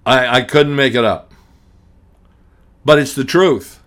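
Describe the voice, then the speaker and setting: A man's voice: mid-range voice, slow, a bit bright. A middle-aged man hosting a radio talk show as an estate planning attorney, ranting emphatically and hammering points through repetition, with frequent restarts. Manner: frequent restarts, blunt and grumpy.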